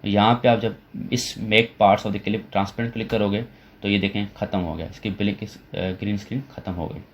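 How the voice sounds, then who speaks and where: A man talking through a software tutorial step by step, with frequent fillers and restarts as he goes. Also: fairly low pitch, little pitch movement, slight background noise. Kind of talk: screen-recorded software tutorial.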